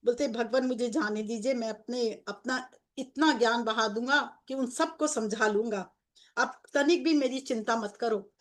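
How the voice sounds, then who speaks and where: A woman's voice: a little high, moderate pace. A woman narrating a devotional story in an earnest, repetitive way, with many fillers and restarts as she voices the dialogue. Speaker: spiritual storyteller.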